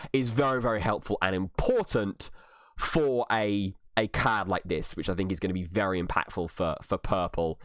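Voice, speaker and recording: A man's voice: mid-range voice, dry recording, studio quality. A man reviewing new trading card game cards, talking through each card's stats and uses in an analytical way. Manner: analytical, with some filler restarts.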